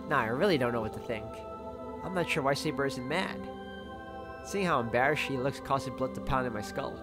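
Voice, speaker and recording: A man reads a visual novel's first-person narration aloud. His pitch is medium, and clear music plays behind him. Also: animated, brisk. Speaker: reader of a visual novel playthrough.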